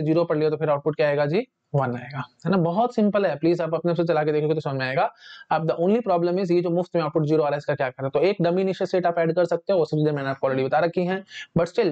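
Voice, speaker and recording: A man teaching a rushed revision lesson, asking questions and answering them himself, with filler like "ठीक है जी". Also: fairly high pitch, darkish tone, lo-fi sound. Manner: quick, repeats "ठीक है जी", asks and answers himself. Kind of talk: fast revision lecture.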